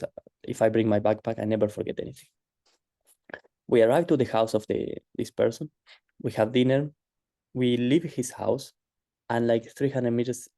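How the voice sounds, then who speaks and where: A man telling a personal story in a casual way, halting often with fillers and restarts. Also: medium pitch, mellow, no room sound, clean studio sound.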